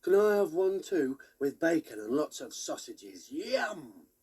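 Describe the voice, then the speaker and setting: A man's voice: fairly high pitch, sing-song, unhurried, darkish tone, husky, far from the mic, voice pushed up, full character voice. A man voicing a greedy, cheerful young boy who talks in an eager, cheeky way, reading a storybook.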